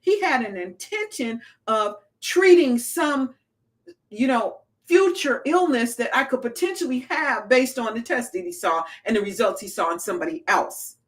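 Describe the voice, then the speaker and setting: A woman giving a casual motivational talk to small business owners, telling stories in an animated way and acting out the voices she quotes. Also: a little high, normal speed.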